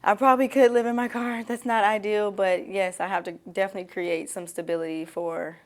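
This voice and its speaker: A woman's voice: mid-range voice, steady tone, brisk. A woman giving candid, conversational answers as an interviewee. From Nashville, Tennessee.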